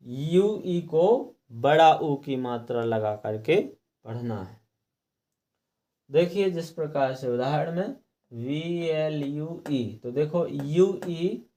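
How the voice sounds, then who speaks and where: A man's voice: on the high side, a little mellow. A middle-aged man teaching a lesson, repeating rules and asking questions that he then answers himself. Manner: repetitive, asks and answers his own questions. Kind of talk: classroom lesson explaining English pronunciation rules.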